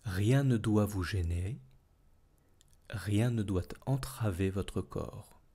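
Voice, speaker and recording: A man guides a yoga nidra relaxation as the instructor, his voice low and husky. He speaks calmly and soothingly, in measured phrases separated by long pauses.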